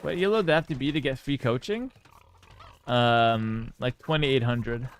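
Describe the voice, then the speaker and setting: A Canadian man with a mid-range, slightly slow voice and a clean tone chats casually on a live stream while gaming. He's laid-back, cracks jokes, swears freely, and reads viewers' chat messages aloud.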